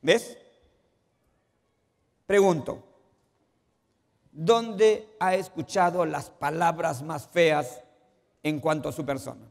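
A man delivers a sermon in a high, lifted voice. He quizzes his listeners and moves from forceful emphasis to quiet asides. His words trail off into the long reverb of a church hall. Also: slow, vocal fry, pauses often. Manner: asks the congregation questions, swings between loud emphasis and quiet asides. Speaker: pastor. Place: church sanctuary.

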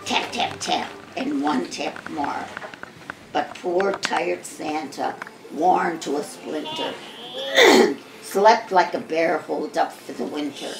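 A woman reading a Christmas poem aloud to her family, slow and expressive with small slips, recorded from a distance in an echoey room at home with music behind. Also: low-pitched, vocal fry.

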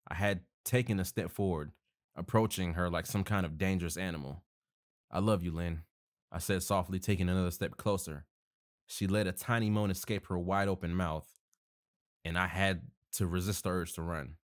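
A man's voice: low-pitched, steady tone, normal speed. A man narrating a horror story, reading casually with self-corrections and joking asides.

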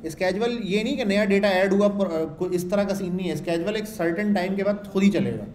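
Chatty male coding tutor, a bit high-pitched, talks through each step in a roomy space. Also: fast talker, a little mellow, a little hiss or hum. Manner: chatty, asks and answers own questions, repeats points. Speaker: programming instructor. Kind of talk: screen-share coding tutorial.

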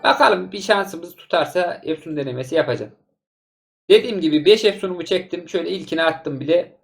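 A man giving calm, matter-of-fact gameplay commentary as a gaming YouTuber, sending greetings to his viewers. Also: fairly high pitch, fairly quick, vocal fry, soft background music.

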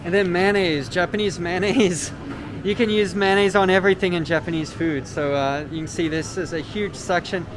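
Walking through a large indoor supermarket, a male vlogger with a high voice explains products at a moderate pace. His casual tour commentary is relaxed and full of "uh" fillers. It's recorded on a handheld camera mic, with noisy store sounds behind him.

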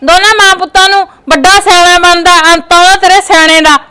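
An actress playing a sharp-tongued, nagging village mother with a Punjabi accent. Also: extremely high pitch, steady tone, brisk, very noisy. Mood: scolding. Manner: scolding, nagging. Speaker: mother and sister-in-law.

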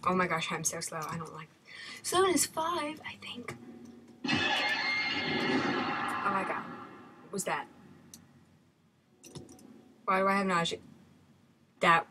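A woman's voice: lowish voice, big pitch swings, slow pace, pauses often. A woman giving horror game commentary, nervous and jumpy, often dropping into half-whispered asides. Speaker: gamer. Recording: loud background noise.

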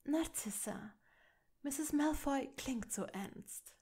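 A woman's voice: high-pitched, slow, pitched above the performer's own voice. A woman voicing earnest noblewoman Narzissa. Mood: friendly. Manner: soft, earnest, pleading. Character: gentle pleading noblewoman, wife and mother. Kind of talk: audiobook reading of fan fiction.

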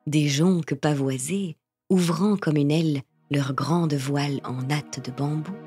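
A woman narrating a literary tale in a slow, hushed, tender reading. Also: low-pitched, faint music behind.

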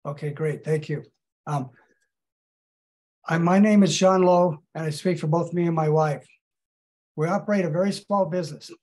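An older man from Colorado reads a prepared public comment at a hearing. His voice sits fairly high, and his delivery is measured and earnest. He speaks over a video call. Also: a little mellow. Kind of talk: reading a prepared statement.

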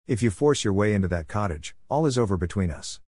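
A man's voice: lowish voice, lively intonation, fast, darkish tone, no echo, clean studio sound. A man voicing a frightened young wife who pleads desperately, in an audiobook reading. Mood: pleading.

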